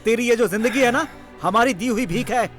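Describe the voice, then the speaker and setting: A fiery young hero threatens with intensity over clear background music. His voice is high for a man and pressed forward. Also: fairly quick. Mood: threatening. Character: hot-headed young hero defending his father. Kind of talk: dubbed film acting.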